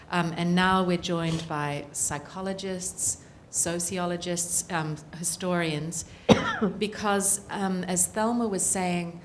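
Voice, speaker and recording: A middle-aged woman with a New Zealand accent and a lowish voice speaks earnestly as a panelist and political scientist, with a little hiss or hum in the recording. Her panel remarks are punctuated by frequent ums.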